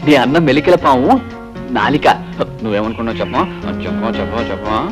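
A playful young lover who teases in a rising, falling voice. Film music plays clearly behind him in the soundtrack. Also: male voice, on the high side, sing-song, fairly quick. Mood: teasing. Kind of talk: film dialogue.

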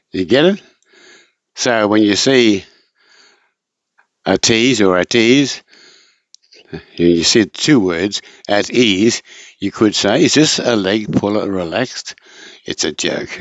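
This casual tutoring session features a man with a fairly low voice and no room sound, heard on a dull, lo-fi recording. His explaining is patient, repetitive, and drawn out, frequently looping back over points.

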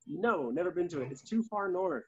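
Joining a video call from a small room, a twenty-something theatre artistic director from Calgary talks casually in a high-sitting, breathy voice with lively intonation at a normal pace. His laptop mic gives the Canadian-accented chat a dull sound.

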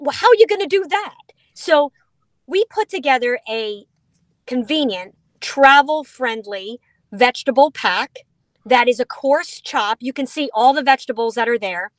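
A middle-aged woman with a high, animated voice talks at normal speed with no echo. Sitting in a vehicle on a video call, she eagerly explains her company's dog food, tossing in playful asides as its representative.

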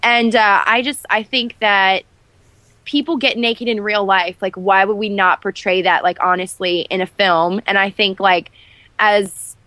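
A woman's voice: medium pitch, steady tone, a little slow, bright, forceful tone, no room sound. A woman in her twenties, an actress guest chatting candidly in an interview, full of fillers and restarts. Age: 20s. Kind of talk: casual interview chat.

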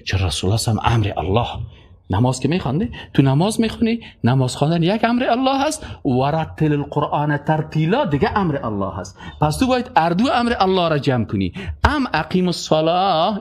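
Emphatic preacher man, lively pitch. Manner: emphatic, with rhetorical questions and recited verses. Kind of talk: sermon.

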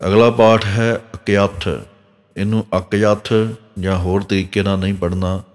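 A man teaching scripture pronunciation in a measured way, breaking verses phrase by phrase and marking each pause. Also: on the low side, level tone. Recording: long hall reverb.

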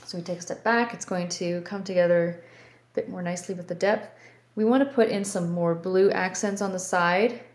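A woman with a Canadian accent, a painting instructor talking through each brushstroke in a relaxed, step-by-step way. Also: fairly low pitch, normal speed, few pauses. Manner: relaxed, thinking aloud while working. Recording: roomy studio with faint background hum.

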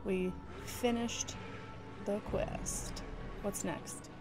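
A woman's voice: medium pitch, steady tone, drawn-out words. A woman co-hosting a couch co-op game playthrough, laughing often as she explains the quests in detail. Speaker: let's play co-host. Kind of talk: casual gameplay chat. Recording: game music playing behind.

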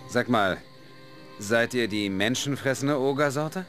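A man's voice: mid-range voice, a little slow, fairly bright tone, faint music behind, lightly acted. A man voicing a cheeky, somewhat hesitant young adventurer hero in a fantasy video game. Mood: wry.

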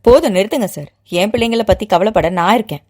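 Brief: proud young widowed mother, heated and insistent, read by the narrator herself, with an animated, swinging pitch. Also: fast, close to an everyday voice. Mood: agitated.

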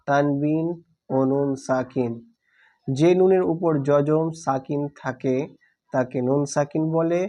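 A man teaching Quran reading with a Bangladeshi Bengali accent, spelling out letters and vowel marks syllable by syllable in a slow, deliberate lesson. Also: medium pitch, warm tone. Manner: slow, drawn-out, deliberate delivery.

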